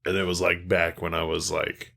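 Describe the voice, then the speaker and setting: A man's voice: low-pitched, flat delivery, normal speed, gravelly, a bit bright. A man co-hosting a podcast, chatting casually in a laid-back way, laughing often and agreeing along. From United States. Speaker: podcast co-host. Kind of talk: casual chat.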